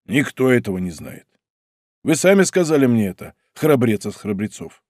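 Brief: a man reading a big, blunt old musketeer baron, hearty and booming, with a lively swing in his tone, for an audiobook. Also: moderate pace, dry recording, clean studio sound. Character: boastful burly old male musketeer baron.

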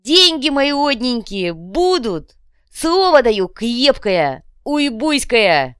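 Lady putting on a pompous chieftain guy, high and loud, drawn-out speech, smooth clear voice. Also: big pitch swings, no room sound, clean studio sound. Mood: boastful.

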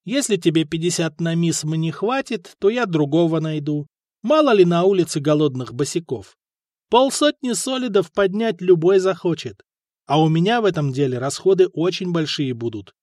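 A man's voice: fairly high pitch, animated, moderate pace, darkish tone, no room sound, clean studio sound, close to an everyday voice. A man voicing a shrewd, street-smart male trader who talks in a knowing, matter-of-fact way. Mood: businesslike.

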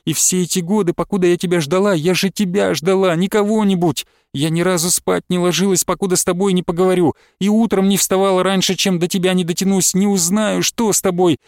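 A man puts on a devoted young peasant wife, her voice lifted higher than his own and spilling out in an earnest, tender rush. She pleads and comforts in a dry, close audiobook reading with no room sound. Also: fairly even intonation, a little fast, few pauses, darkish tone, dry recording. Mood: pleading.

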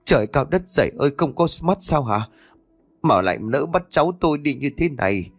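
A man's voice: on the high side, expressive, a little fast, no echo, soft background music. A man voicing a grieving old grandmother, who laments in a raised, wailing voice.

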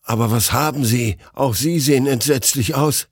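A man's voice: mid-range voice, normal speed, slightly rough, no room sound, studio quality, pitched above the performer's own voice, lightly acted. A man voicing a nervous young man, horrified and exclaiming in fright. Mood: alarmed.

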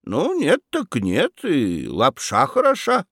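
Folksy old auntie, as a male narrator puts her on, practical, unhurried, dry close sound. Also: on the high side, wildly swooping pitch, creaky, a bit bright, slightly rough, no echo, voice pushed up, full character voice. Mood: puzzled. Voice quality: plain, folksy, soothing. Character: homely plain-spoken old aunt, practical and fussing.

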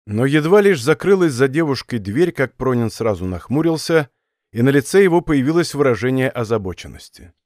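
A man narrating an audiobook in an expressive storytelling way. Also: mid-range voice, fairly quick, dry recording, clean studio sound. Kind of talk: scripted narration. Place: dry studio.

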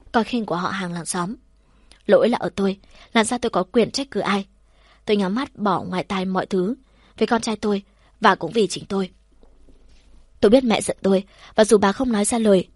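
A woman tells a first-person story in a soft, measured and heartfelt manner. Her voice sits at an ordinary middle pitch with a husky, breathy grain. The recording is dry and close, with no room sound. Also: no echo.

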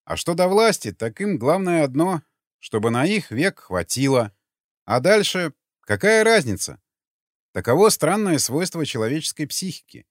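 A man narrating an audiobook in an expressive, dramatic way, close to the mic. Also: a little high, normal speed, no room sound. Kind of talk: scripted narration.

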